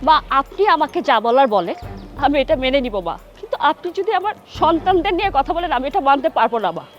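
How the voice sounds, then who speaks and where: A woman's voice: sits high, expressive, fairly quick, lo-fi sound, faint music behind. An actress playing a wronged young mother who pleads with her mother-in-law. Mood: pleading. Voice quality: pleading, tearful. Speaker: daughter-in-law.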